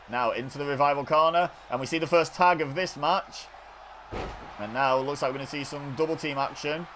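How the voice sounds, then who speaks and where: A man commentating over game footage with quick, chatty play-by-play. He gets excitable at big moments and corrects himself as he goes. His pitch sits in an ordinary middle range. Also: a little hiss or hum. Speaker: gaming video host.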